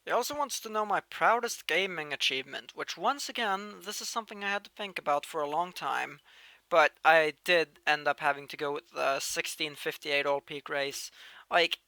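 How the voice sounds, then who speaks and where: Casual and chatty, a young man from Norway in his late teens answers his viewers' questions as host of a channel, with frequent restarts, bursts of emphasis, and lively loudness changes. His voice is on the high side at normal speed, with no echo.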